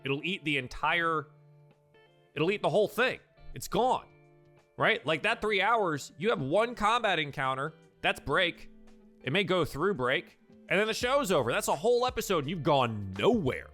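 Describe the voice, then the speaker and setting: Hosting a laid-back livestream advice session as a game master, this man speaks in a slightly high, very animated voice with a fairly bright tone. He keeps a moderate pace over faint music, stressing ideas emphatically through repetition.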